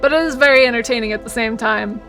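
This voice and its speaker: Cute, bubbly, high-voiced woman streamer. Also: fast, fairly bright tone, soft background music, low-quality recording. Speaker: video game live streamer. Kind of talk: casual livestream gameplay commentary.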